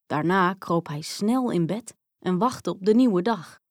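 A woman narrating a children's fairy tale in a slow, expressive storytelling manner, recorded dry and close. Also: fairly low pitch, dry recording.

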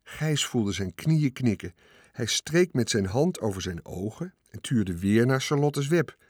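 Male storybook narrator, calm and measured, dry studio sound. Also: mid-range voice, breathy edge, dry recording. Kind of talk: scripted audiobook narration.

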